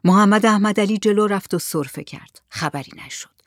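A storyteller reading a story aloud in a measured, even way. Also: mid-range voice, dry recording, studio quality. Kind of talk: scripted narration of a story.

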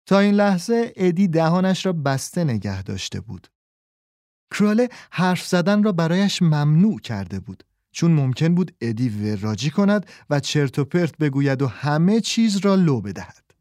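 Lively high-voiced male storyteller. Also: no echo, clean studio sound. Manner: expressive storyteller voicing all characters. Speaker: narrator. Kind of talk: scripted audiobook narration.

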